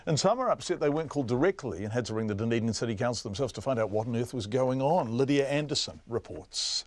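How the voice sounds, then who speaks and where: A man with a New Zealand accent presenting a scripted news item in brisk, measured newsreader delivery. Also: mid-range voice, lively intonation. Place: TV studio.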